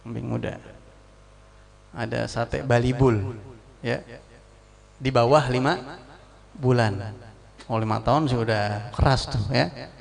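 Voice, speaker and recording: A middle-aged man, an Islamic preacher, telling a story in a lively sermon. He quotes Arabic phrases, explains them, and asks his listeners questions. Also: mid-range voice, slow pace, vocal fry, long pauses.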